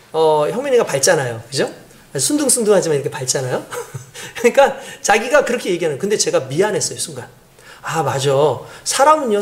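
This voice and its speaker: A pastor preaching a sermon in a conversational way, asking the congregation questions and acting out the voices of people in his stories. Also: high voice. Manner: animated, acts out quoted voices.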